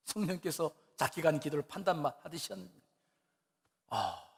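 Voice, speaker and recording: Male pastor, fairly high voice, chatty sermon storytelling, long hall echo. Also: sing-song, moderate pace. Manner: colloquial storytelling with rhetorical questions. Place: church sanctuary. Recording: long church-hall reverb.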